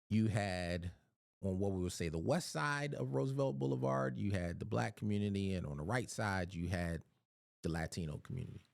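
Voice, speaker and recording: A man's voice: low-pitched, vocal fry, a little mellow, no room sound, studio quality. A man from Philadelphia giving a casual Bible teaching, often repeating words as he searches for his phrasing.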